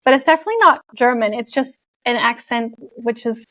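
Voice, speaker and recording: A young Canadian content creator, a guest on an interview, chats casually in a slightly high, fairly bright voice, a little fast. Her Canadian English has an international European tinge, and she laughs often, saying "like" and "you know" a lot.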